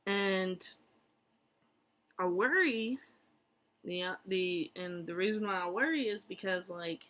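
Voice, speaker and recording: A woman's voice: medium pitch, slow. Rambling, incredulous woman vlogger. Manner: rambling and animated, with many fillers and incredulous asides. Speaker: therapist. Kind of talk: casual vlog commentary.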